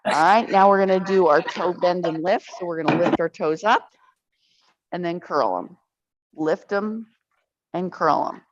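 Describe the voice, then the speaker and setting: A woman's voice: lowish voice, measured pace, highs cut off, noisy background. A woman instructor leading an arthritis exercise class, counting reps aloud and encouraging the group.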